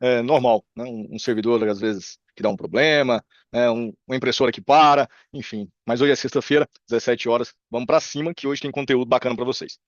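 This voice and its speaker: Speaking from a room indoors over a video call, a chatty, fast-talking Brazilian presenter with a mid-range voice and Brazilian Portuguese accent walks viewers through software in a casual live screen share, often checking in with them. His audio is close and dry with no echo and a slightly lo-fi tone.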